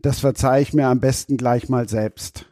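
Male interview host, enthusiastic, warm mellow voice, mid pitch. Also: fairly even intonation, normal speed, dry recording. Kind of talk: interview talk.

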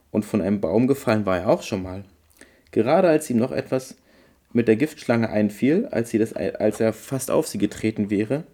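A man, host of a podcast, gently reading a Christmas storybook tale aloud. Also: lowish voice. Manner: gentle, unhurried.

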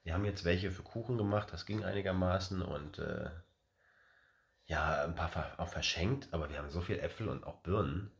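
Low-voiced rambling dad host. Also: male voice, fairly quick, vocal fry. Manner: rambling, hesitant, many fillers. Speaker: podcast host, father. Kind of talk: casual family podcast chat.

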